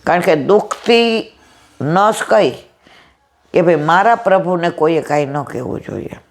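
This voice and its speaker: A middle-aged woman with a loud, powerful voice, giving a devotional storytelling discourse and acting out the dialogue in her stories. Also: on the low side, animated, unhurried. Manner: retells stories with quoted dialogue. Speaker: satsang speaker.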